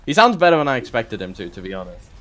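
A young man talks in casual reaction chat with friends. He is blunt and swears without a second thought. His pitch moves around a lot. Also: very animated, very fast, a bit bright.

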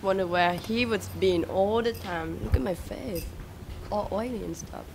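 A woman's voice: mid-range voice, unhurried, background noise. A young woman chef, explaining ingredients in simple, upbeat English on a cooking show, recorded on a camera mic with music behind. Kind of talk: casual cooking-show chat.

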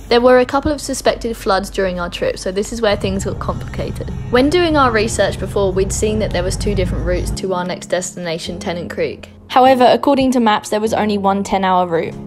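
A young Australian woman from Darwin giving a chatty, upbeat, scripted travel voice-over full of tips. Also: mid-range voice. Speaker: travel vlogger. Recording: voice-over with loud background music.

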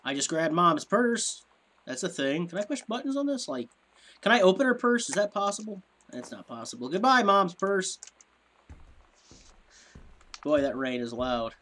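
His voice sits high, sing-song, pushed and bright, at normal speed with long pauses. Congested and sniffling, the let's-play host talks to himself at his desk mic, rambling in confusion through casual commentary.

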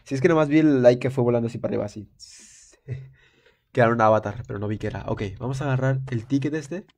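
A young man, stuffy with a cold, excitedly commenting on a live game and chatting with viewers. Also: medium pitch, fast talker. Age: young adult. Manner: rambling, excitable, talks to viewers while playing. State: congested with a cold. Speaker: streamer. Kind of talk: live gameplay commentary reading chat.

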